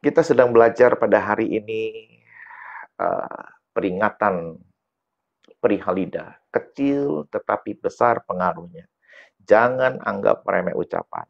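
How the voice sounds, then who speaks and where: A man's voice: on the low side, expressive, unhurried, vocal fry, pauses often, highs cut off. A man preaching a sermon at a church service, telling a personal story and often calling out to the congregation. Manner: tells a story, often calls the congregation "saudara". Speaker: pastor.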